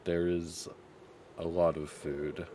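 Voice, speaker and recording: A man with a deep voice plays a tabletop game, talking casually in and out of the action. Background noise is clearly present. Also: little pitch movement, slow, mellow.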